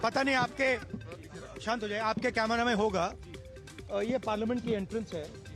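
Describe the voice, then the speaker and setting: A man, a politician, speaking haltingly to reporters and cameras with hesitations. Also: sits high, steady tone, music in the background. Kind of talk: impromptu remarks to cameras.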